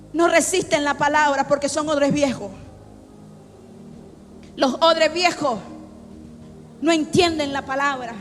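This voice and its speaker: Fervent high-voiced woman pastor preaching. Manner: fervent preaching with bursts of shouting. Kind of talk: sermon. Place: church sanctuary. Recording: long church reverb with faint music.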